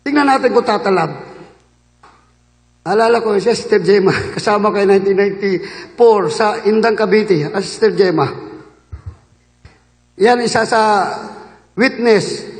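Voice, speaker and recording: A man in his fifties, from the Philippines, preaching a fervent sermon that swings between loud shouts and quiet asides, recorded in a church hall. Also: high-pitched, unhurried, pauses often. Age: 50s. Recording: echoey hall with long reverb.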